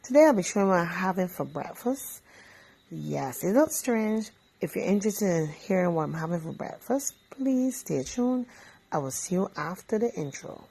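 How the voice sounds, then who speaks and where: Gravelly low-voiced Barbadian woman. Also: very animated, moderate pace, dark tone, a little hiss or hum, low-quality recording. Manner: chatty, easygoing, talks between bites. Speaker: vlog host. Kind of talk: casual cooking chat while eating.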